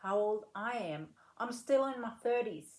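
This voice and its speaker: A woman in her late thirties, a former rifle shooter from Denmark, answering interview questions in a measured, unhurried way with pauses between phrases. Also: mid-range voice, expressive. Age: 30s. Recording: echoey room.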